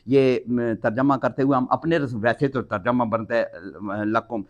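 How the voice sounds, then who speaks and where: A man's voice: medium pitch, fairly even intonation, dull audio. An older man from Pakistan teaching a Quran class, reciting Arabic phrases and then explaining each word with patient repetition.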